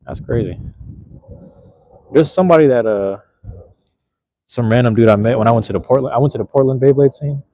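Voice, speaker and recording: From a night-time park in cold drizzle, a young man hosts a casual livestream on his handheld phone. His mellow, mid-range voice is brisk with frequent pauses, and his talk is laid-back, slangy and rambling. The lo-fi phone audio is slightly dull, with no echo.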